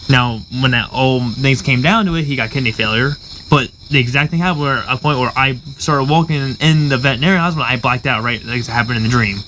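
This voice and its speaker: A young man hosting a casual podcast, speaking haltingly with frequent restarts. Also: medium pitch, pushed and bright, a little hiss or hum, rough recording. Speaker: podcast host. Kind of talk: casual chat.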